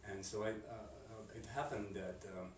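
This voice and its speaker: A man from Slovakia with a Slovak accent, a composer answering interview questions in a halting way, with many fillers and restarts. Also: fairly low pitch, fairly even intonation. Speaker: composer and curator. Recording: roomy, distant mic, noisy background.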